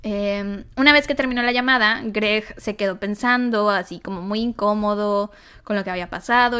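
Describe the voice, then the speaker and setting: A woman with a Mexican accent, co-hosting a podcast and retelling a true-crime case in a chatty, animated way with asides. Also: on the high side, clear, resonant tone. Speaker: podcast co-host. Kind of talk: casual true-crime storytelling.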